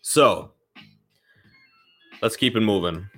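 A fairly low-pitched man speaks slowly in a fairly bright tone, with faint music underneath. It's his own podcast, loose and meandering, full of swearing, and his voice is slightly nasal from a lingering cold.

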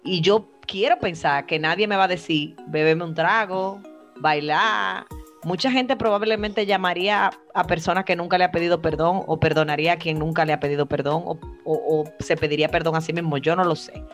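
A woman co-hosting a casual chat, speaking in a reflective, emphatic way with drawn-out phrases. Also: on the low side, faint music behind. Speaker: podcast co-host. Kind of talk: casual chat among friends.

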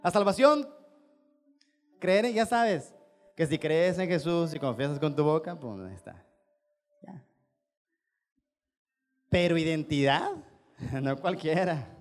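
A man's voice: fairly high pitch, lively intonation, slow pace, pauses often. A man with a Mexican accent preaching a sermon as pastor, emphatic and repetitive, firing rhetorical questions at his listeners. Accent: Mexican Spanish. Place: standing before a congregation.

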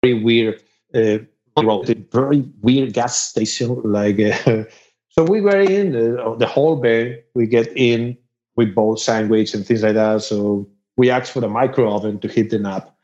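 A rock musician from Spain with a Spanish accent, spinning a casual anecdote in halting, animated English and laughing between lines. His voice sits in a middle pitch, and the recording sounds dull and lo-fi. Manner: animated, laughs through the story, halting non-native grammar.

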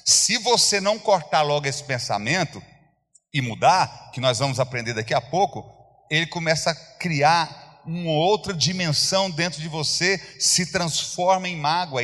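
A man's voice: fairly high pitch, bright, forceful tone. A man preaching a sermon as pastor, emphatic and repetitive, acting out quoted voices. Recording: long church hall reverb.

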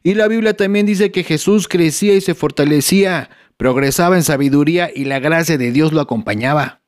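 A man's voice: fairly high pitch, a little fast, lightly acted. A man playing a reassuring Mexican dad. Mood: gentle. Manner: gentle, reassuring. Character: patient caring Mexican father.

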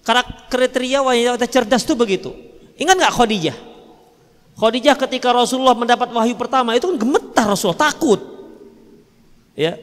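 Lively preacher with a Medan accent. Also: male voice, very high-pitched, fairly quick, long pauses. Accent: Medan Indonesian. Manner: lively storytelling, acting out dialogue. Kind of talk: religious lecture. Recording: reverberant hall.

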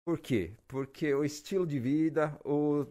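A man in his forties from Naples with an Italian accent, a physics professor answering interview questions in a relaxed way, with frequent hesitations and fillers. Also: fairly high pitch, unhurried. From Naples, southern Italy. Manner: hesitant, many "ah" fillers, laughs easily.

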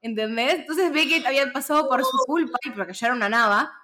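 A woman's voice: high voice, fast talker, heavy background noise. A woman in her twenties with a Rioplatense Spanish accent, co-hosting a film podcast and telling stories in casual, slangy chat. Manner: animated storytelling with laughter, slangy. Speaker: podcast co-host.

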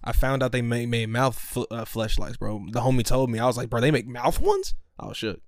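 A man's voice: medium pitch, flat delivery, fairly quick, dry recording, studio quality. A young man co-hosting a podcast, laid-back and slangy, swearing freely in casual chat. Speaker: podcast co-host.

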